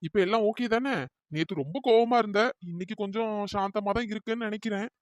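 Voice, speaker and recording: Performer doing a pushy young male college admirer, mid-pitched, pleading, dry close mic. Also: fast, dry recording, lightly acted. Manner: pleading, apologetic, pestering. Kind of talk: cartoon voice acting.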